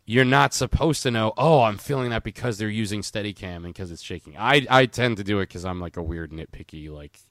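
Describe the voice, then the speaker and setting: A man hosting a podcast, talking in an excited, rambling way and swearing often. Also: on the low side, brisk, hardly any pauses, no echo. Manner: enthusiastic, rambling, swears a lot. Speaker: podcast host. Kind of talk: casual podcast chat.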